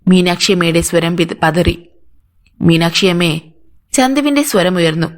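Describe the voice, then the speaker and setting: A woman narrating a serialized novel in a steady, measured way. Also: on the low side. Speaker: story narrator. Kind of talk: reading a serialized novel aloud.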